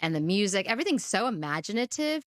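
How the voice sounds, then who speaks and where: A woman co-hosting a podcast, telling stories in an animated way and laughing often. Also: medium pitch, fast talker, no room sound, studio quality. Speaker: podcast co-host. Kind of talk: casual chat.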